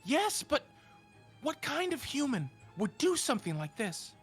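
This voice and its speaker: A man reading several characters in a casual script read-through, cursing and starting lines over. He speaks slowly with a bright, sharp tone. His pitch swings widely, with faint music under him. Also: huge pitch swings. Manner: slow, swearing, self-correcting. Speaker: streamer reading character parts. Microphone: home streaming mic.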